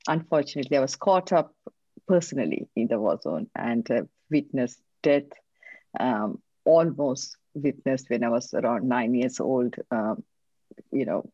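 Woman from sri lanka, very low mellow voice, soft and thoughtful, slightly muffled lo-fi sound. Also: slightly rough, dry recording. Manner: soft-spoken, reflective, measured. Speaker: guest, leadership coach. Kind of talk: interview answers, personal story.

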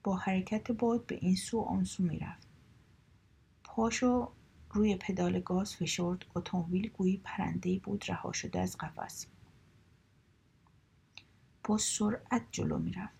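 A woman narrating short stories in a calm, steady, conversational reading voice. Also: fairly low pitch, gravelly, long pauses, slightly rough. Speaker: story reader. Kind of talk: colloquial storytelling narration.

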